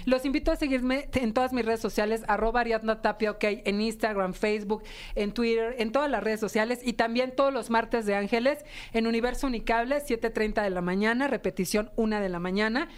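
A woman's voice: a little high, steady tone, brisk, clean tone. Playful woman astrologer chatting on air. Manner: warm, playful, promotional. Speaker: astrologer guest. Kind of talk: casual radio chat.

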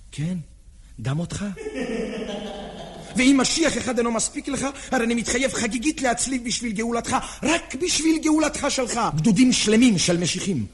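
A man's voice: high voice, slightly rough. An actor playing an anxious, earnest man who pleads and rambles with nervous laughs in a stage drama. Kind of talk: theatrical drama acting.

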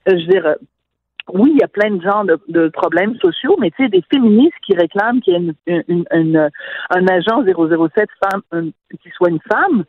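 A woman's voice: lowish voice, lively intonation, a little fast, dry recording. A woman calling in as a radio guest, giving blunt, emphatic opinions. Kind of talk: casual radio chat. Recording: dry tinny phone line.

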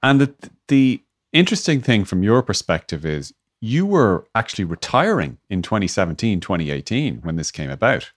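A man works as an interviewer in casual conversation. His voice is fairly low with very lively intonation, and he feels his way through each thought haltingly. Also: no room sound, studio quality.

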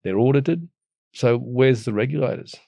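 A man's voice: mid-range voice, expressive, normal speed, gravelly, mellow, no echo. A middle-aged Australian man ranting casually and bluntly, with the earthy, matey slang and mild swearing of an Aussie tradesman. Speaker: guest giving opinions. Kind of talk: casual opinionated rant.

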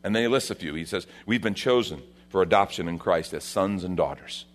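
A man, the senior pastor of a church, preaching a sermon at a pulpit microphone in a conversational way, rising for emphasis and dropping low for quieter points. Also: fairly quick.

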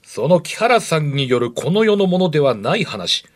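A man's voice: on the high side, sing-song, moderate pace. A man co-hosting a radio show, delivering scripted introductions and short bits of banter. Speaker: radio show co-host and pro wrestler.

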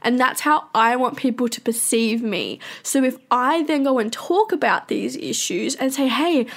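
High-voiced young woman, candid and blunt. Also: animated. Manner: candid, swears often, fast bursts. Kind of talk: personal confessional monologue.

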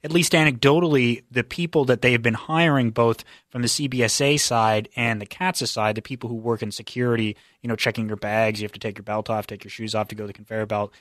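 A man, a political news reporter, explaining quickly on a radio show with many fillers. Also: mid-range voice, steady tone, fairly bright tone, dry recording, clean studio sound. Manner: rapid explanatory, filler-heavy. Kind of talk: radio interview guest.

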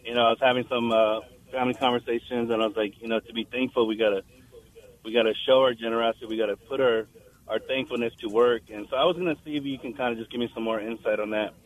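A man's voice: medium pitch, steady tone, fast talker. A man calling in to a radio show, heard over a phone line, politely searching for words as he asks his question. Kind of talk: call-in question.

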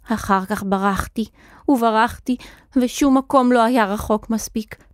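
A woman voicing a distraught, half-mad male wizard with a strange, choked voice, shouting in a storybook reading. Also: a little high, no echo, studio quality, lightly acted. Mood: choked remembering.

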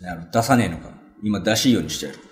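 A man doing a blustering rough burglar. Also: deep voice, lively intonation, fast talker, pitched below the performer's own voice. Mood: menacing. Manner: rough, gruff Edo-style street talk. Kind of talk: rakugo storytelling.

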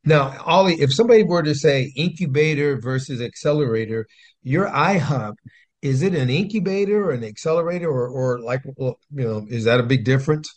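A man's voice: mid-range voice, animated, brisk. Upbeat male talk show host. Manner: enthusiastic, encouraging. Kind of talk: casual interview talk.

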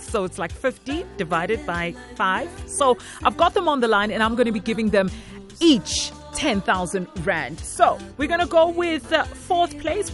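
A bubbly South African woman hosts a radio giveaway from the studio, her voice high and bright. She gushes over callers with a soft music bed running under her. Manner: bubbly, effusive, gushing. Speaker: radio host. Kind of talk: radio phone-in prize giveaway.

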